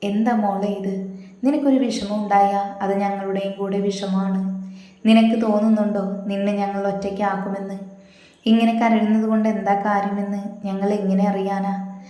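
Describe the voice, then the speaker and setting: A woman voicing a calm, protective older-brother man who speaks slowly and soothingly, recorded in a very echoey room. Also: mid-range voice, natural voice.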